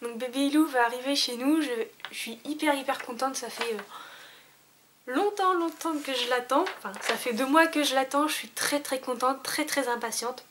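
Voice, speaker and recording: A young woman chats to her viewers in a high, bright voice. She rambles, restarts her sentences and fills pauses often, casual and unscripted. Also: steady tone, noisy background. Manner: chatty, many fillers and restarts. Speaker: vlogger. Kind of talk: casual vlog chat.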